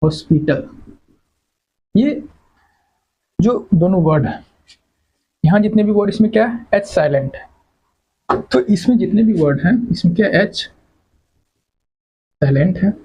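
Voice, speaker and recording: A man's voice: sits high, animated, measured pace, long pauses, warm tone, breathy edge, rough recording. A man teaching English grammar to exam students, repeating words and quizzing the class with questions. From India. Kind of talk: classroom lecture.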